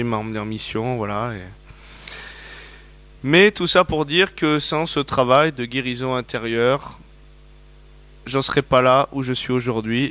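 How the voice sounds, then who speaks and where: French man preaching a lively, storytelling sermon. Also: mid-range voice. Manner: storytelling, conversational, asks the audience questions.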